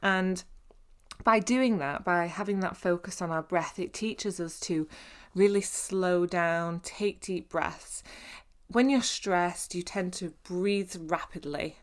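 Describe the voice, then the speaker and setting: A woman speaks in a fairly low voice, as a fitness coach explaining things to her listeners. She talks in a relaxed, conversational way, encouraging and informal, often pausing on fillers and starting her sentences again. It is a podcast monologue with a chatty, down-to-earth feel.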